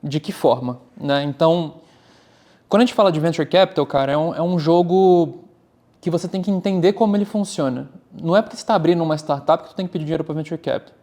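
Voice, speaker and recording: The speaker is a Brazilian startup founder who talks fast in a voice on the high side. He appears as a guest in a casual interview, speaking candidly and with energy. He frequently drops the word "cara."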